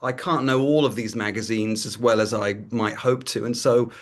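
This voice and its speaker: Male interviewer, medium pitch, tentative phrasing. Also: steady tone, normal speed. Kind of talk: conversational interview.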